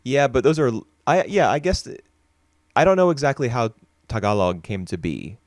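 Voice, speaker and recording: A man's voice: medium pitch, lively intonation, normal speed, dry recording, clean studio sound. A man co-hosting a podcast, talking films casually with frequent restarts and fillers. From United States. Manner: hesitant, restarts often, chatty. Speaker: podcast co-host. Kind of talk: casual film discussion.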